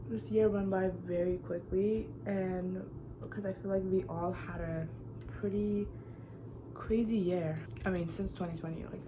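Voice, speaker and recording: With a lowish voice and some background noise, a woman in her twenties from Iran, a beauty vlogger, chats casually and directly while doing her makeup, giving a get-ready-with-me motivational pep talk.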